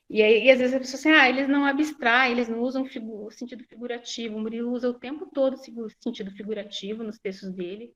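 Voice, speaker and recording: Woman speaker for a support group, slightly high voice, hesitant delivery, muffled recording. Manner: hesitant, many restarts and fillers. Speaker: guest speaker.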